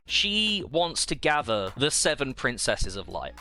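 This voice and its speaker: A man's voice: mid-range voice, sing-song, a little slow, pushed and bright. A man hosting a comedic game lore commentary, rambling and crude, often stumbling over names. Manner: rambling, jokey, crude humor. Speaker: host.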